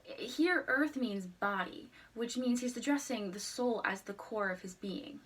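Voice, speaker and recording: A woman's voice: fairly high pitch, measured pace, fairly bright tone, husky. A woman giving a prepared explanatory presentation in a formal, earnest manner. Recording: distant microphone.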